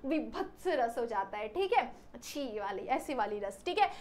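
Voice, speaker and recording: A woman with a high-pitched voice teaches an exam-prep grammar class. She keeps asking the class questions and answering them herself, often checking in with a quick "okay". She mixes English words into her teaching. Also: sing-song, a little mellow.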